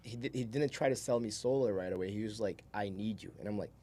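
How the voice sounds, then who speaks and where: Chuckling as he goes, this Brazilian podcast guest in his 20s, a solar salesman, rambles informally through his story. His voice is fairly low and mellow, he talks fast, and there's slight background noise.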